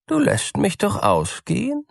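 A man's voice: high voice, wildly swooping pitch, a little slow, gravelly, dry recording, clean studio sound, pitched above the performer's own voice, heavily acted. A man voicing a greedy, sly female cat in a fairy tale, with a smug, sweet-talking manner.

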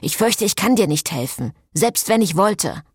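A woman's voice: medium pitch, animated, moderate pace, slightly rough, no room sound, studio quality. A woman voicing an exhausted, sarcastic young male former priest in an audiobook. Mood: strained. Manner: sarcastic, strained.

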